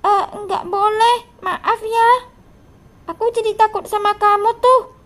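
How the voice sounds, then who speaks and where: A woman's voice: extremely high pitch, steady tone, a little slow, fairly bright tone, pitched above the performer's own voice. A woman voicing a timid, apologetic schoolgirl in a game role-play. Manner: apologetic, nervous.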